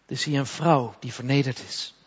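Husky-voiced man preaching with soft intensity. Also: mid-range voice, steady tone, normal speed, lo-fi sound. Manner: soft and intimate, dropping to whispers, then rising to forceful commands. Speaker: pastor. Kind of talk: prophetic sermon ministry.

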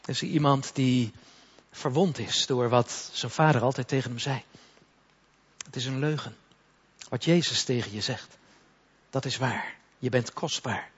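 A man with a very husky, breathy voice preaches in a church service. He speaks softly and intimately, sometimes sinks to a whisper and sometimes rises into forceful declarations. The recording sounds dull and lo-fi. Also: mid-range voice, measured pace. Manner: soft and intimate, dropping to whispers, then rising to forceful commands. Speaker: pastor. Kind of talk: prophetic sermon ministry.

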